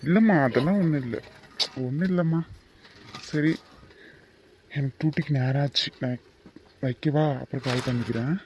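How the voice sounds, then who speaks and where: A man plays an irritable young boyfriend in a cartoon drama. His slightly high voice is brusque and dismissive, with a faint hiss on the track. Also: moderate pace, pauses often, a little mellow, natural voice. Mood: curt. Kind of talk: animated cartoon voice acting.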